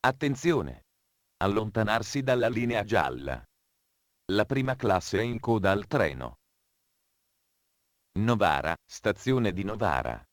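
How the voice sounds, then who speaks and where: A man reading scripted train station announcements in a formal, measured way. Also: fairly low pitch, very animated, no echo, clean studio sound.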